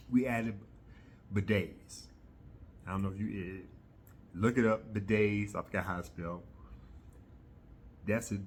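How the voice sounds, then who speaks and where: A middle-aged man chatting casually to his viewers in a rambling, halting way, often pausing mid-sentence. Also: fairly low pitch, a little hiss or hum. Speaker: host of a hobby video channel. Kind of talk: casual rambling vlog chat.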